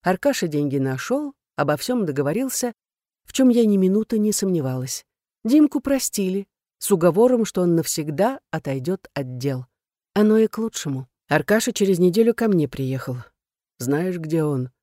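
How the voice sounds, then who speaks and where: A woman narrating a dramatic first-person story with an emotional, lively delivery. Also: on the low side, moderate pace, dry recording, clean studio sound.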